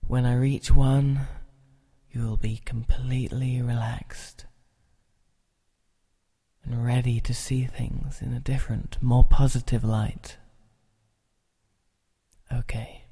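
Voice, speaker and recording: A man guides a relaxation session in an extremely slow, drawn-out delivery. His voice is very dark and mellow and stays almost level in pitch. He is calm and soothing, sometimes sinking into a soft whisper. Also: creaky.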